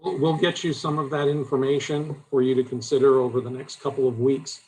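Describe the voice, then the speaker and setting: A man steering a council meeting through its agenda in a calm, procedural manner. His voice sits at an ordinary middle pitch. A faint room noise hums behind him. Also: low-quality recording. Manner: measured, procedural.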